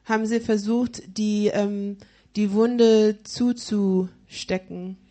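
Female live interpreter at a church service, hesitant, restarts often, mid-pitched voice. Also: little pitch movement, takes it slowly, warm tone. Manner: hesitant, many fillers and restarts while searching for words.

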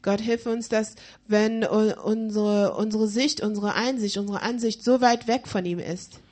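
A woman's voice: mid-range voice, steady tone, a little slow, darkish tone. A woman interpreting a sermon live, hesitant, with frequent fillers and restarts as she searches for words.

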